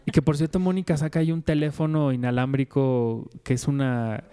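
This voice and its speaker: A man, co-hosting a casual chat and retelling scenes in an animated, playful way. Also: mid-range voice, brisk, clear, resonant tone. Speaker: podcast co-host. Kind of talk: casual chat recapping a sitcom episode.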